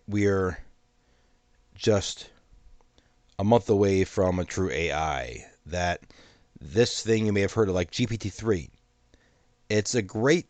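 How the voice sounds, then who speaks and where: A man hosting his own channel, giving a measured, cautionary solo commentary while congested from a sinus infection. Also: low-pitched, darkish tone, no room sound.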